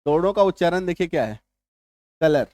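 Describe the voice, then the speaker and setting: Male tutor, high voice, dry close sound, repetitive explaining style. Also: lively intonation, darkish tone, dry recording. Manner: repetitive, checks in with "है ना" and "ठीक है"; spells words out letter by letter slowly. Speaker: English teacher. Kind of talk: spoken lesson to viewers.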